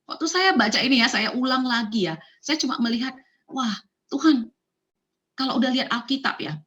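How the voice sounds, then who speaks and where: A woman's voice: a little high, fast, a bit bright. A woman in her thirties giving a conversational sermon on parenting, asking many rhetorical questions and slipping in English phrases. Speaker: church speaker.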